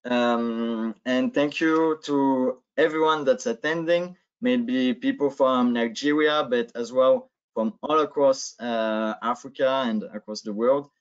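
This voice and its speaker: Speaking slowly and smoothly with few pauses, this mid-range male voice belongs to a thirtysomething sales manager from France with a French accent. He's a guest speaker giving a webinar through a headset on a video call in an indoor office, sprinkling in plenty of filler sounds, and the lo-fi call audio sounds dull.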